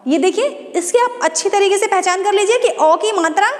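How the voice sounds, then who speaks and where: A woman teaching a Hindi lesson to students, asking questions and answering them herself, and slowly drawing out each syllable. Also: very high voice. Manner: slow, drawn-out sounding of syllables. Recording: echoey room with long reverb.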